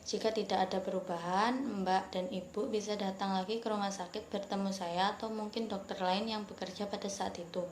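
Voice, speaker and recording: A reassuring doctor acted by a woman in a scripted role-play, speaking at a medium pitch. The room is echoey, with faint noise behind. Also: steady tone, fairly quick, hardly any pauses, lightly acted. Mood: calm, explanatory. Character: reassuring female doctor explaining treatment.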